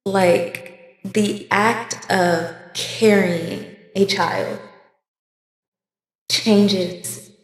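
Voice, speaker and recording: A woman in her twenties from Oakland, California, co-hosts a podcast, chatting frankly and casually with slang and frequent laughs. Her mid-range voice has fairly even intonation, and she speaks very slowly with long pauses. The room is echoey, with long reverb.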